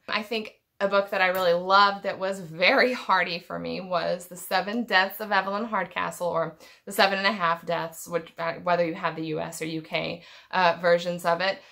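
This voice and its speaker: Bright-voiced woman musing about books. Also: mid-range voice, gravelly. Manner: thoughtful, rambling, restarts often. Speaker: book vlogger. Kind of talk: unscripted book tag vlog. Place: home room with packed bookshelves.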